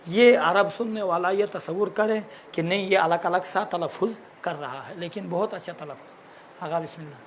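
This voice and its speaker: A man's voice: sits high, slight background noise. Patient man teaching Quran pronunciation. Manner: patient, corrective, demonstrates pronunciation slowly. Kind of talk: correcting recitation lesson.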